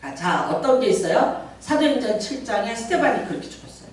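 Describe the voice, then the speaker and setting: A middle-aged woman pastor giving a Sunday sermon, chatty and playful as she tells stories and acts out quotes. Her pitch swings widely and animatedly. The sound is very echoey, with the mic set well back in a church hall. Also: lively intonation, a little fast, far from the mic. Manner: conversational storytelling with playful asides and acted-out quotes. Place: church sanctuary.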